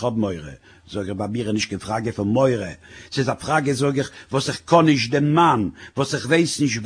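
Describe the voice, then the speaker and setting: A man's voice: mid-range voice, breathy edge. A man telling a comic story, full of wry "sag ich" asides.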